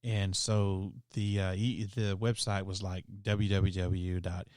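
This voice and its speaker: A man's voice: low-pitched, level tone, slow pace, darkish tone, no room sound, clean studio sound. A man hosting a podcast on his own, talking loosely and with strong opinions, full of fillers and restarts. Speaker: podcast host. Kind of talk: casual solo podcast monologue.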